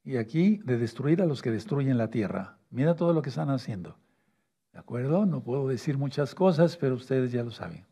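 Man preaching, husky dark voice, keeps asking "¿sí?", drags out key words. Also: mid-range voice, lively intonation. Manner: asks "¿sí?" and "¿de acuerdo?" often, repeats key words slowly. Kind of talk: sermon teaching with a whiteboard.

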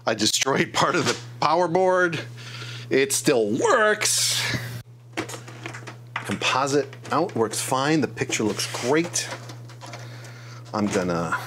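A man's voice: medium pitch, background noise. Jokey middle-aged man testing an old console. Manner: jokey and self-deprecating, hums tunes and laughs at himself. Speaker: craft and repair YouTuber. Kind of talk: casual vlog narration. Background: retro video game music.

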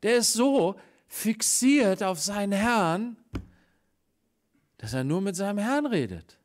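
A man preaching a Sunday morning sermon with a fairly high, very lively voice that leaps up in excitement and then drops to a hush. He acts out the people in his story as he goes. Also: slow. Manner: animated, swings between loud exclamations and hushed, quiet passages. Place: church.

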